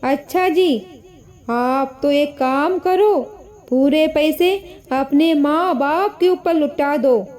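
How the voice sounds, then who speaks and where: A woman voicing an angry, scolding young daughter-in-law who shouts bitter accusations in a storybook tale. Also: high-pitched, takes it slowly.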